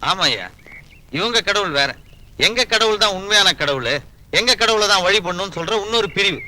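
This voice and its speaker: An actor playing an earnest atheist companion who explains the human world and pleads on the god's behalf. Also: male voice, high voice, expressive, normal speed, bright, forceful tone, slight background noise, full character voice. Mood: explaining. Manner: explaining, pleading, dry remarks.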